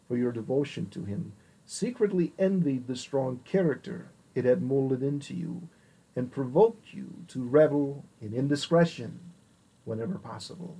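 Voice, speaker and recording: A man voicing a repentant male king who speaks in a measured, confessional way in an audiobook reading. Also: mid-range voice, dark tone, husky, rough recording. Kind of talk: audiobook character voice.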